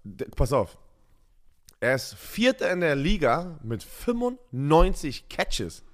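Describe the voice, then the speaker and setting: A German man co-hosting a casual football chat, telling lively stories and laughing often. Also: on the high side, takes it slowly. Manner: animated storytelling, laughs a lot. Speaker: podcast co-host, former football player.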